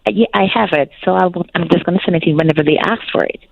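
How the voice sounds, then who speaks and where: A woman's voice: fairly low pitch, very fast, gravelly. A woman calling in to a show over the phone, asking questions hesitantly with ums and restarts. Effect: heard over a phone line. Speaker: caller. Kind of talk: call-in question to a radio show. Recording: tinny phone line with faint noise.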